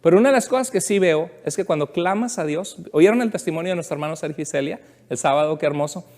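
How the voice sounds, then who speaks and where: A man's voice: on the high side, fast talker, darkish tone. A man preaching a conversational sermon as a pastor, asking his congregation questions and joking with them. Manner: chatty, asks the congregation questions, jokes. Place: church service.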